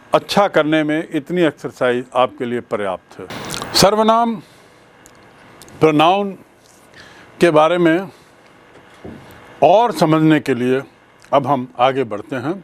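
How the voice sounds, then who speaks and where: A man teaching English grammar in a bilingual classroom lecture, explaining deliberately with examples and spelled-out letters. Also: on the high side.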